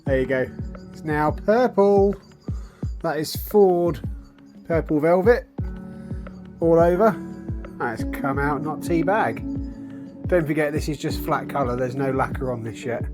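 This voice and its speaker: A British vlogger, or livestream host, chats casually and playfully over music, often seeming to think aloud to himself. His voice sits on the high side, and he speaks a little slowly, pausing often.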